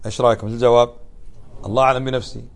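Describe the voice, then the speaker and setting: A middle-aged man gives an animated religious lecture, often putting questions to his listeners and answering them himself. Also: medium pitch, racing. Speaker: religious teacher. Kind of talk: lecture explaining a religious text.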